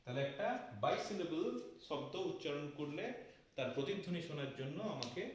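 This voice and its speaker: High-voiced man teaching in echoey room. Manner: explains step by step, asks "তাই না?" to check understanding. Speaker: physics teacher. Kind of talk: classroom lecture. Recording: very echoey room, distant mic, faint noise.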